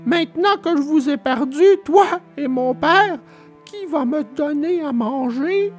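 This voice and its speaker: A woman voicing a tearful, impulsive wooden puppet boy in a storybook reading, with a high, pleading voice. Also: expressive, measured pace, faint music behind. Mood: grieving.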